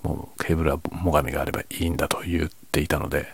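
A man chatting casually and quietly late at night, half whispering as if others in the house are asleep. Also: very deep voice, little pitch movement, racing, vocal fry, breathy edge. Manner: speaks quietly, half whispering, so as not to wake sleeping family. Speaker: host of a late-night audio chat. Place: at home at night. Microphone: microphone without windscreen, slightly backed away.

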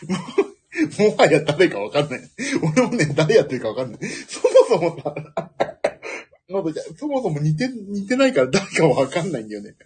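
A man's voice: a little high, big pitch swings, moderate pace, a little mellow, slightly rough. A man hosting a casual solo talk show, rambling from one thought to the next and laughing at his own jokes. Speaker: podcast host.

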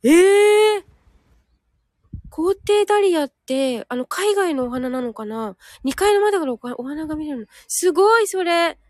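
A woman's voice: sits high, expressive, normal speed, hardly any pauses, a little mellow, no echo, clean studio sound. A woman hosting a live audio stream in a casual, chatty way, reading listener comments aloud and catching her own slips.

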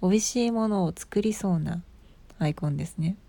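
A woman's voice: lowish voice, normal speed, creaky, warm tone. A woman in her thirties with an Osaka accent, hosting a casual live stream, chatting about listeners' comments and laughing often. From Osaka, Japan. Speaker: livestream host.

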